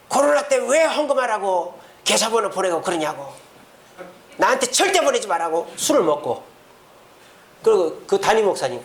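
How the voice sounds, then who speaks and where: A man's voice: fairly high pitch, a little hiss or hum. A man preaching a sermon as pastor, telling a story with acted quotes in a church. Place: church sanctuary.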